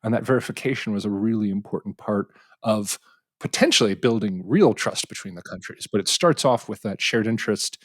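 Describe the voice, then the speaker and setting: A male podcast host conducts a conversational interview, thinking aloud with frequent restarts and self-corrections. His voice is lowish and a little fast, recorded in a clean studio with no echo.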